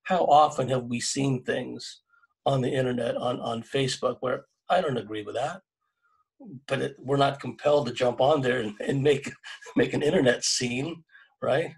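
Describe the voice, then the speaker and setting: A middle-aged man from California talks on a video-call panel from his home, in a gravelly, husky voice. He speaks earnestly and exhorts, often restarting his phrases and tacking "right?" onto points. The sound comes through a plain webcam mic. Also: mid-range voice, moderate pace, low-quality recording. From California, USA. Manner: earnest and exhorting, many restarts, tag questions.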